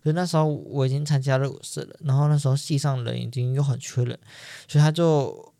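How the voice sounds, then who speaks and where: A man's voice: mid-range voice, fairly even intonation, quick pace, vocal fry, warm tone, dry recording, clean studio sound. A young man with a Taiwanese Mandarin accent, hosting a podcast and telling a personal story in an earnest, emphatic way that repeats things for stress. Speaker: podcast host.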